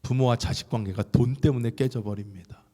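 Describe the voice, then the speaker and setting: A male pastor preaching a sermon with animated delivery, sometimes shouting out loud cries. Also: mid-range voice, a little fast, big-room sound. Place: church sanctuary.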